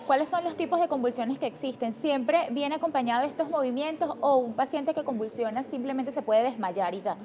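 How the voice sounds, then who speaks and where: A woman's voice: high voice, fairly quick, few pauses, darkish tone, slight background noise. A woman, a TV presenter asking brief, direct interview questions.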